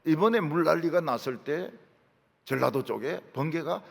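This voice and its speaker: A man's voice: fairly high pitch, normal speed, vocal fry, big-room sound. A man preaching a sermon in a large church sanctuary, emphatic, often dropping in short affirmations and rhetorical questions. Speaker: pastor.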